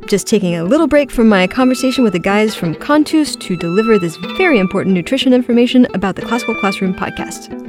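A woman announcer delivers a mock advert like a chipper 1950s commercial, with music playing behind her. She sounds playful and mock-earnest, and her pitch sits in the middle range for a woman. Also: lively intonation, fast. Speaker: podcast host.

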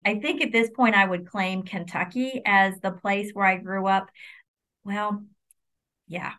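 A woman's voice: mid-range voice, fairly even intonation, a little slow, sharp tone. Reflective middle-aged American woman guest. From Illinois, United States. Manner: reflective and open, with frequent restarts. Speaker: university vice president and general counsel, guest. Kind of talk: conversational interview.

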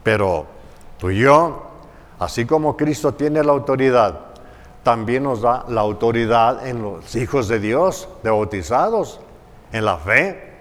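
A male preacher delivers a sermon at an unhurried pace, his mid-pitched voice leaning hard on repeated phrases. Long church reverb trails after every line. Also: animated.

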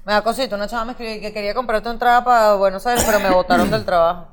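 Chatty Venezuelan woman, lively crowd behind. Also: mid-range voice, racing. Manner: chatty, colloquial. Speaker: podcast co-host. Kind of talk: casual chat.

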